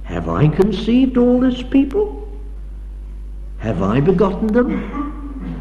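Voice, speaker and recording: Old 60s tape of a guy preaching in a big echoey hall, slow dark voice, dull sound. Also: sits high, wildly swooping pitch. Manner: dramatic, declaiming reading of scripture. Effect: old 1960s tape recording. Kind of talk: sermon with scripture reading. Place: lecture hall.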